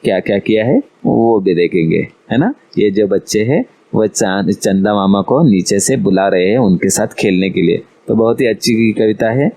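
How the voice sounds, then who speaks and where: A man's voice: on the low side, normal speed, hardly any pauses, mellow. A male teacher, giving an online school lesson to children, patiently repeating words and quizzing his young pupils.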